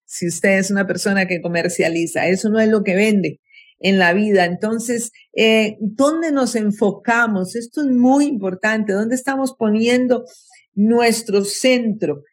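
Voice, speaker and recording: A woman giving advice on mental health in an interview, speaking slowly and emphatically and acting out complaining voices. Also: mid-range voice, breathy edge. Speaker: guest psychologist.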